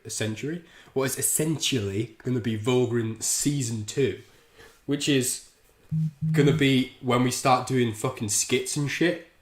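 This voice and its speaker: A man's voice: mid-range voice, measured pace, echoey room. Crude, laughing male streamer. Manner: crude, laughing banter while drinking. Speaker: livestream host. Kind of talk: casual chat.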